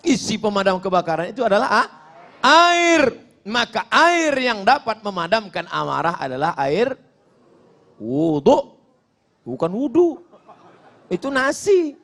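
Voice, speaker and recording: A male preacher delivers a humorous sermon. He has a fairly high voice that leaps up and down with great animation. He acts out small exchanges and chants Arabic verses between them. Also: very animated, a little slow, long pauses, a bit bright.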